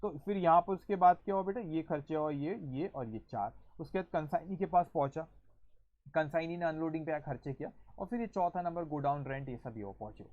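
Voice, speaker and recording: A male accounting teacher giving an online lecture in a lively storytelling manner, going through each point step by step and counting them off aloud. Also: fairly high pitch, a little fast, narrow, tinny audio. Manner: explains step by step, counting points aloud and calling students "beta"; lively storytelling, acting out an example.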